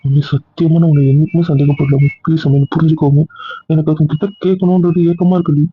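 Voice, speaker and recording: A man's voice: a little high, little pitch movement, quick pace, breathy edge. A man voicing an insecure young man who pleads and coaxes his partner again and again. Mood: pleading. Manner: pleading, coaxing, repetitive. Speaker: husband or boyfriend. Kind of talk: Tamil audio drama acting. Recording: tinny phone-like recording.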